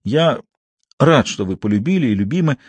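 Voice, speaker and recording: A man's voice: mid-range voice, expressive, moderate pace, slightly rough, dry recording. A man reading an audiobook who voices a reserved middle-aged detective, clipped, dry and sour. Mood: dry ironic. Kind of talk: audiobook character voice.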